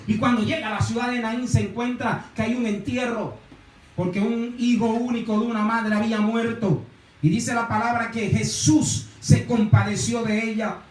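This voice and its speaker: A middle-aged male pastor with a high voice preaches a sermon, often stalling and repeating words as he goes. He stands away from the microphone, and the hall rings with echo. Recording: echoey room, voice from a distance.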